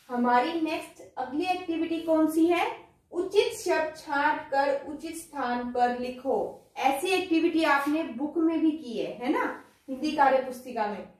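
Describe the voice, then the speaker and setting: A woman teacher speaks to young pupils in a high, patient voice. She goes very slowly and stretches out each word she reads. Her voice sounds far from the mic, with strong echo around it. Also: a little mellow. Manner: slow, drawn-out word-by-word reading. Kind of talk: children's lesson. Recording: echoey room, voice from far off.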